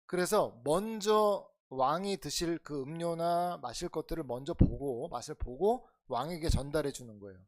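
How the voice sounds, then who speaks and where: 교회에서 강해설교를 하는 남자 목사로, 청중에게 질문을 던지며 대화하듯 설교하고, 크게 강조하다가 낮게 속삭이듯 말하기를 오간다. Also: male voice, moderate pace, few pauses. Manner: conversational preaching with rhetorical questions to the congregation; swings between loud emphatic lines and soft low asides. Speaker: pastor. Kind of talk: expository sermon.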